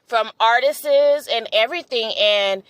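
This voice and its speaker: A young woman talks straight to camera in a loose, chatty vlog monologue, blunt and full of swearing. Her voice sits a bit high for a woman. The sound is dry and close, with no room around it. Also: unhurried, fairly bright tone, dry recording. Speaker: vlog host. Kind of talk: casual opinion monologue to camera.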